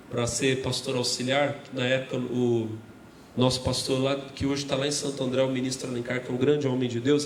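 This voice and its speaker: In a church, a man with a mid-range voice and a Brazilian Portuguese accent preaches as pastor, trading lively calls and responses with the congregation and tossing in jokes between points. The low-quality audio is echoey, with a little hiss or hum.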